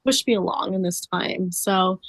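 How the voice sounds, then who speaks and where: A woman's voice: mid-range voice, measured pace, fairly bright tone, no room sound. A woman guest in a casual podcast interview, talking chattily with lots of "like" and "um". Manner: chatty, fills speech with "like" and "um".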